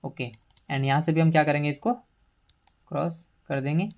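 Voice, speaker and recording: A woman teacher giving a step-by-step software tutorial at her computer, explaining each entry while mixing English terms into her speech. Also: low-pitched, fairly even intonation, measured pace, gravelly. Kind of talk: screen-recorded software tutorial.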